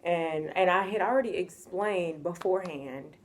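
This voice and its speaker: A woman's voice: on the low side, normal speed. A woman telling a casual storytime, chatty and full of "like" fillers. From United States. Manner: chatty, full of "like" fillers, acts out quoted voices. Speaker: vlogger.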